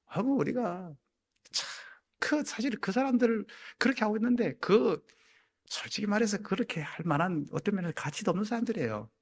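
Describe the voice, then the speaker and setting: High, lively-voiced male pastor preaching. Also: a little fast, breathy edge. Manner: swings from hushed, near-whispered lines to loud, ringing exhortation; acts out quoted people in raised, excited voices. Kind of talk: sermon. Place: church sanctuary.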